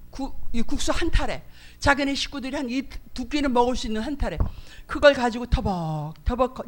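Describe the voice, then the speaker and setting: Brief: a woman pastor, animated storytelling sermon, shifts into character voices. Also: sits high.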